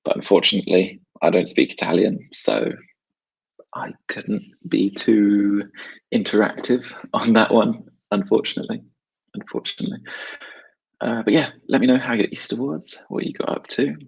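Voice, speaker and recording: Gravelly, low-voiced South London man teaching. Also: moderate pace, lo-fi sound. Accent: South London English. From South London, England. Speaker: English teacher and webinar host. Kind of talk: informal online lesson addressed to viewers.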